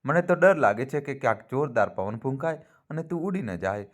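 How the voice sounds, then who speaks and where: A man's voice: mid-range voice, lively intonation, fairly quick, voice pushed up, close to an everyday voice. Young storybook husband, jokey and teasing, in a male narrator's own voice. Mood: joking. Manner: joking, teasing. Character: young husband, joking by day, harsh by night.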